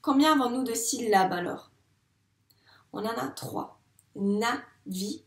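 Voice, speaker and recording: A woman teaching a phonics lesson to young children, patient and repeating each sound slowly while asking questions. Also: on the high side, expressive, vocal fry, roomy sound. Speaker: primary school teacher.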